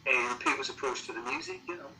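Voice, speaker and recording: A middle-aged or older man with a Sunderland accent, chatting casually as an interviewed musician, halting and repeating words as he thinks. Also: mid-range voice, bright, forceful tone, a little hiss or hum. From Sunderland, North East England.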